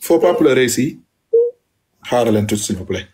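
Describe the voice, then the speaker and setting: A man's voice: mid-range voice, animated, moderate pace, a little mellow. A man, speaking to his wife in an emphatic, repetitive, aggrieved way. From Senegal. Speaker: husband addressing his wife. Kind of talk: heated personal address.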